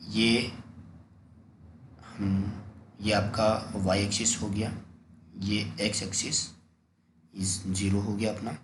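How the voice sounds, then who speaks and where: A man teaching an exam-prep lesson, repeating key points and asking then answering his own questions. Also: fairly low pitch. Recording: echoey room, faint noise.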